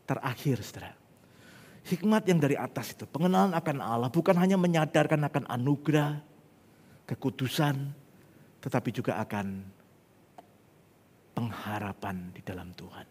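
A man preaching a sermon as pastor, swinging from loud urgent appeals to hushed whispers and acting out prayers. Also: medium pitch, lively intonation, moderate pace, long pauses, breathy edge. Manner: acts out prayers and quoted voices. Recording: long hall reverb.

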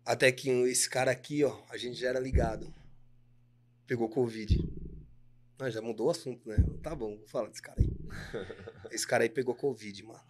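A clothing brand owner with a Brazilian Portuguese accent appears as a podcast guest, telling his stories in slangy, casual chat and acting out the dialogue. His mid-range voice is steady, moderately paced, and marked by frequent pauses.

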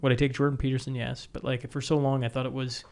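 Man hosting a casual podcast, mid-pitched. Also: little pitch movement, creaky, a little mellow. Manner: halting, repeats words as he thinks aloud. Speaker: podcast host. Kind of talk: casual interview chat.

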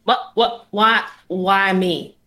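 A woman's voice: medium pitch, fairly even intonation, drawn-out words, fairly bright tone. A woman playing a tabletop role-playing game, talking casually in character, laughing often and hedging with fillers.

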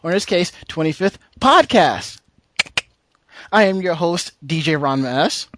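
A man's voice: on the high side, lively intonation, measured pace, fairly bright tone, slight background noise. A man hosting a podcast in casual banter, opinionated and given to emphatic repetition. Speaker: podcast host. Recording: music playing behind the voice.

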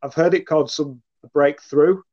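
A man's voice: a little high, fairly even intonation, normal speed, dark tone, no room sound, lo-fi sound. A man with a Greater Manchester accent, hosting a podcast interview in an informal, conversational way. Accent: northern English, Greater Manchester. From Rochdale, northern England. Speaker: podcast host. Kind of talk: casual interview.

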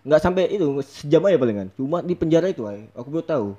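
A young man telling a story in casual chat, animated and laughing often as he acts out what people said. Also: fairly high pitch, very fast, muffled recording. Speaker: storyteller guest.

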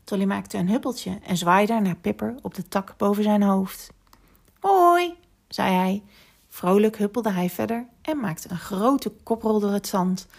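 A woman reads a children's story aloud in a gentle, expressive way. Her voice has a slightly gravelly, husky texture, and now and then she sinks into a hushed whisper. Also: medium pitch. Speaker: storyteller and podcast host.

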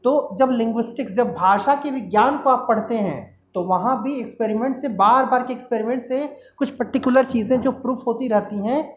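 A woman with a fairly high voice teaches a class in Hindi, slipping into terms. She explains patiently and asks rhetorical questions, repeating the key terms. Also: brisk, hardly any pauses. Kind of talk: classroom lecture.

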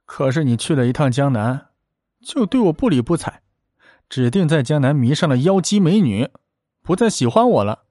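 A man's voice: a little high, expressive, normal speed, a little mellow, no echo, studio quality, natural voice. A man voicing a petulant, lovesick young woman in a spoken story, whiny and pleading.

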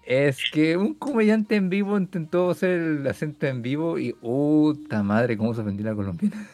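A man's voice: on the high side, normal speed, a little mellow, soft background music. A man chatting casually with friends, blunt and joking.

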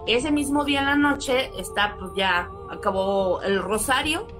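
Woman, Mexican accent, casual storytelling, middle pitch, animated quoting, music behind. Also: unhurried. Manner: animated, acts out quotes with sudden high exclamations. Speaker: guest storyteller. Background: background music.

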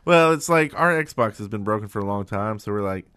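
A man's voice: on the low side, animated, brisk, fairly bright tone, clean tone, no room sound, studio quality. Joking, rambling man on a podcast. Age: adult father of young kids. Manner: jokey, rambling storyteller. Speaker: podcast co-host. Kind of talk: casual chat.

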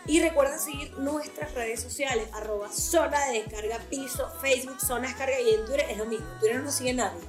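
A woman with a Caribbean Venezuelan Spanish accent and a slightly husky voice, hosting a podcast in a casual, playful, irreverent way. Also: high-pitched, brisk, hardly any pauses, faint music behind. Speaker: podcast host.

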